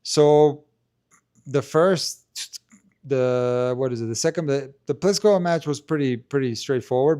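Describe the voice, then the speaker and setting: A man with a low, warm, not very strong voice hosts a live Q&A for a tennis channel, chatting casually to camera indoors. He's talkative and hedging, with lots of fillers and restarts, speaking into a handheld mic held close.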